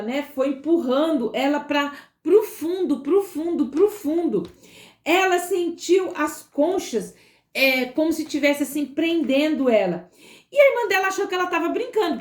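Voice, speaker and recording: A woman telling a dramatic story to children, animated, with sound effects and fillers. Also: high voice. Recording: roomy echo.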